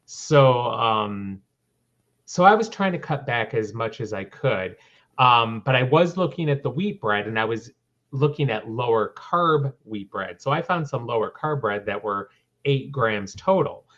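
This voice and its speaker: A middle-aged man telling his story as a guest on a livestream interview, animated and acting out the people in it. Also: mid-range voice, unhurried, dull audio.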